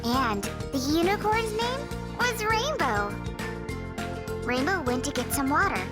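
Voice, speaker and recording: A woman's voice: very high-pitched, very animated, a little slow. Sing-song woman telling a bedtime story. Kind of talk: narrating a children's story. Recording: with loud music behind.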